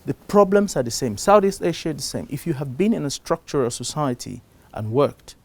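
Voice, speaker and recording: Middle-aged man giving an animated conference talk. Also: on the high side, a little fast. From Cameroon. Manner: animated, shifts loudness for emphasis. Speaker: conference speaker. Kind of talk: live talk on investing. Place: conference stage before an audience.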